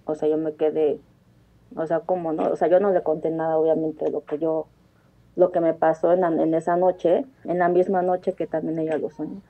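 A woman speaks over a thin, tinny phone line, her voice sitting slightly low. She tells her story earnestly, circling back with restarts and fillers. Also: little pitch movement, moderate pace. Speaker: caller. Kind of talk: telling a personal story on a phone-in show.

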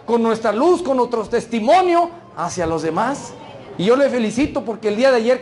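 High-voiced Mexican pastor preaching. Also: male voice, slight background noise. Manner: fervent, keeps addressing the congregation as brothers; conversational, asks "right?" after points. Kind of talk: sermon.

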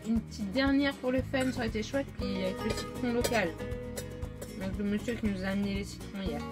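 A woman in her thirties with a medium-pitched voice talks fairly quickly, giving a chatty, cheerful running commentary for her travel vlog. She films a camper van trip on a handheld action camera, both outdoors and inside the van, with music playing underneath.

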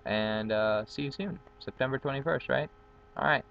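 A young adult from Guatemala, Spanish being his native tongue, introduces himself as a college dorm community facilitator in a casual vlog that's upbeat, chatty and full of ums. He's outdoors on a patio with trees, shot close on the built-in webcam mic. His mid-range voice has vocal fry and a normal speed, and the sound is lo-fi.

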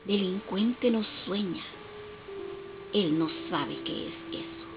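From a festival stage podium, a woman poet from Honduras recites poetry slowly, solemnly and declamatorily, her mid-range voice carrying lively intonation. The podium mic is heard through a camera far out in the hall, so the audio is dull, lo-fi and loaded with loud music.

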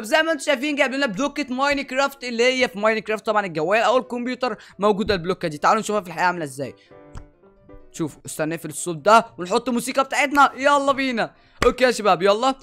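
A man's voice: extremely high pitch, sharp tone. A young man with an Egyptian Arabic accent hosting a reaction video, talking eagerly and exclaiming as he keeps calling out to his viewers. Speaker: YouTube reaction host. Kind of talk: excited reaction commentary.

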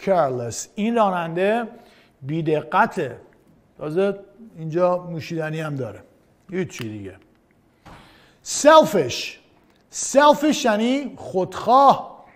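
Man as an online English tutor, high and lively, repeats words slowly. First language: Persian. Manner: animated, drilling words with slow repetitions and quick asides. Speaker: English teacher. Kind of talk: online vocabulary lesson.

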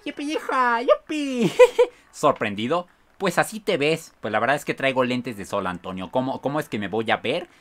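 Mexican male streamer, bright voice, shrieks and laughs a lot while reading chat. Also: medium pitch, normal speed. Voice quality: bursts into shrieks and squeals of excitement, laughs often. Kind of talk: excited gameplay commentary, reading chat aloud.

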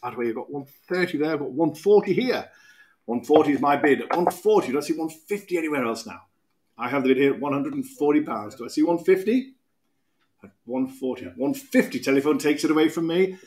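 A man in his thirties with a British accent, working as an auctioneer at a podium, calling bids in a brisk, repetitive rhythm with quick asides. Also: a little high, expressive, darkish tone. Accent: British English. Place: auction room podium, indoors.

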